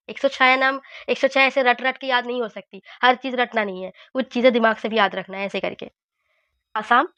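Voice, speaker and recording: A woman teacher walks through memory tricks with patient, repetitive coaching. Her voice sits a little high. The sound is dry and slightly muffled, with no room around it. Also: fairly bright tone, dry recording.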